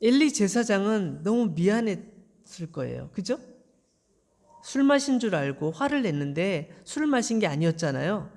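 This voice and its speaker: A woman pastor telling a Bible story in simple, gentle language during a sermon, with emphatic repetition. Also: mid-range voice, sing-song, normal speed, long reverb tail. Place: church.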